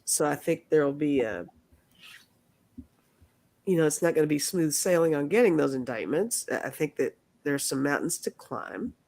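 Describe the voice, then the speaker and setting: A woman talks casually through a card reading, stopping and restarting as she goes. Her voice sits a little low but moves around a lot in pitch. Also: expressive, darkish tone. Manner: halting, restarts, laughs often. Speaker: card reader. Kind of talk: casual chat.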